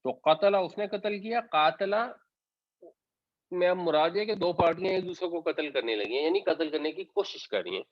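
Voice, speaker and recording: A man's voice: high-pitched, animated, no echo. A man explaining scripture as a teacher in a patient lesson, slipping English words into his talk. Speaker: Quran teacher. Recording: dry, slightly dull recording.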